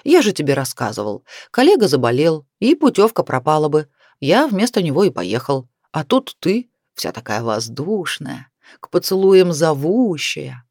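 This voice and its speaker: A woman reading aloud, voicing a calm, gentle middle-aged husband who speaks softly and soothingly. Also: sits low, dry recording, clean studio sound, heavily acted. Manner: soft, soothing, unhurried.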